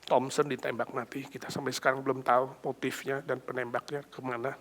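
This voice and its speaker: A middle-aged male pastor preaching a sermon, swinging dramatically between a hushed voice and loud emphasis. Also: mid-range voice, level tone, brisk.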